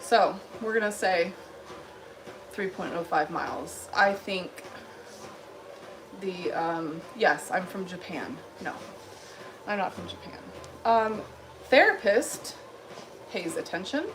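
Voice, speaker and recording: A woman's voice: fairly low pitch, lively intonation, slow pace, pauses often, noisy background. A woman from Illinois hosting a casual livestream, reading chat comments in a blunt, dry, dismissive way while walking on a treadmill.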